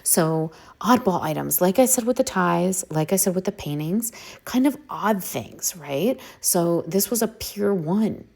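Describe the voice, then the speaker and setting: A woman's voice: lowish voice, animated, unhurried, creaky, darkish tone. A woman hosting a casual how-to video, chatty and eager, talking straight to her viewers. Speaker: vintage reseller host. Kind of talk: casual how-to talk to camera.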